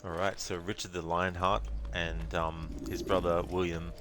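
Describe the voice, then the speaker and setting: A man's voice: low voice, level tone, normal speed, noisy background. A man giving casual commentary over a video game playthrough.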